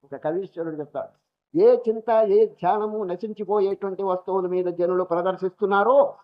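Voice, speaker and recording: A man's voice: high-pitched, steady tone, normal speed. A man, a swami, giving a spiritual lecture on scripture, telling stories and mixing English phrases into his talk. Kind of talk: spiritual discourse with storytelling. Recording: dull lo-fi archival lecture recording.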